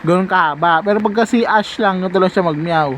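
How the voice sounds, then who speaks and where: A man's voice: sits high, fast, fairly bright tone, slight background noise, poor audio. A young man vlogging casually at home, talking playfully and fondly to his cats with sudden squealing bursts. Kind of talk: casual vlog talk to camera.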